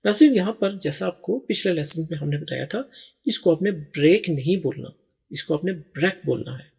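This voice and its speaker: A man's voice: on the high side, expressive, gravelly, darkish tone, breathy edge. A man, teaching English grammar and patiently walking through each answer option step by step. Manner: reads each English phrase slowly and deliberately. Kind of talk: explaining grammar exercises.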